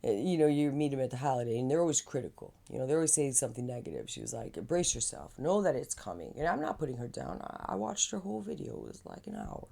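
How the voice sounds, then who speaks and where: A woman rambles through self-help advice in a casual vlog, tossing in slang and side stories. Her voice is strikingly deep, mellow and gravelly, yet it swings widely in pitch as she talks. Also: sing-song, fast talker, hardly any pauses. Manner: rambling and slangy, says man and dude; chatty with frequent fillers and laughs. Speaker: vlogger.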